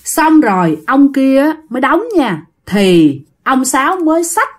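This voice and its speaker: A woman's voice: high-pitched, sing-song, unhurried. A woman with a Southern Vietnamese accent telling a ghost story in a chatty way, talking to listeners. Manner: chatty, addressing listeners directly. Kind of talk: casual ghost story narration.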